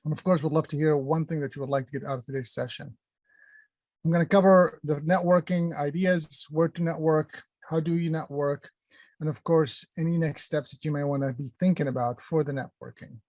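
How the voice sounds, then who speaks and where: A man's voice: fairly high pitch, fairly even intonation, fairly quick, a little mellow, no echo. Middle-aged man presenting an online workshop. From Palestine, raised in Kuwait. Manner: conversational, many fillers and restarts, addresses chat. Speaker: workshop presenter, company founder.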